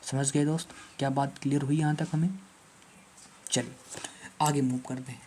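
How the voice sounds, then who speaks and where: A man's voice: medium pitch, fairly even intonation, normal speed, darkish tone, a little hiss or hum. A male English teacher giving an online exam-prep lecture, who repeats key words and keeps asking the class rhetorical questions.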